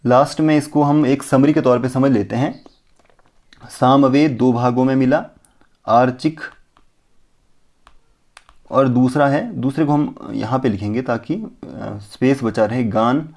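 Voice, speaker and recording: A man teaches an exam-prep lesson to a close mic, at a plain, middle pitch. He asks himself rhetorical questions and answers them right away. Now and then he slows down to draw out chanted syllables as examples. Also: a little mellow. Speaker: Sanskrit teacher.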